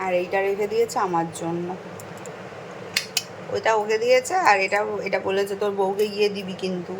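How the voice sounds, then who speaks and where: Fast-chatting young woman vlogger. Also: mid-range voice, fairly even intonation, background noise. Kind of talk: casual daily vlog talk.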